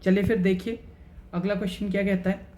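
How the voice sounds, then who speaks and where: A woman teaching nursing exam questions, reading each one slowly and then explaining it in a chatty, conversational way. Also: mid-range voice, little pitch movement, dark tone, slight background noise. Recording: echoey room.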